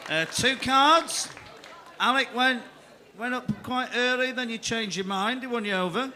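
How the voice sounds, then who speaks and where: A man hosting a comedy night in a club, announcing acts in a brisk, chatty way. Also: extremely high pitch, a crowd in the background. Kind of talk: compering a comedy show.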